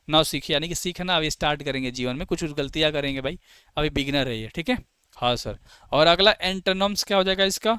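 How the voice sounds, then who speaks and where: A fairly high, smooth male voice in a brisk exam-prep lesson. He keeps checking whether his students have followed and answers his own questions. The recording is close and dry. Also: no echo. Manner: lively, asks students "clear है?" and answers himself. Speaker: vocabulary teacher.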